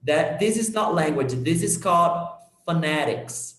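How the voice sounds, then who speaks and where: A male English teacher giving an online conversation lesson, patiently correcting and modeling pronunciation slowly. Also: fairly high pitch, animated, fairly bright tone. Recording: echoey room.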